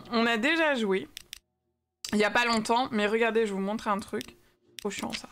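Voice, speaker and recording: Young French woman streamer, high voice, loose chatty delivery greeting viewers. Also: normal speed, a bit bright, faint music behind. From France. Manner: chatty, greets viewers by name, many fillers. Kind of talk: casual live-stream chat.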